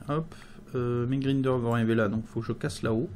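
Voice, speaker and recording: A man's voice: mid-range voice, steady tone, a little fast, a little mellow, slight background noise. A man giving let's play commentary, thinking aloud as he builds, with many hesitations and fillers. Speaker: gameplay commentator.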